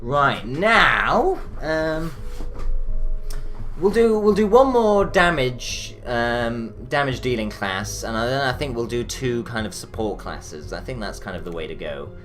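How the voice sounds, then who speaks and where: A man's voice: medium pitch, big pitch swings, takes it slowly, a bit bright, faint music behind. Rambling, foul-mouthed gaming man. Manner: rambling, profane, jokey. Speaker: let's play host. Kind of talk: gameplay commentary.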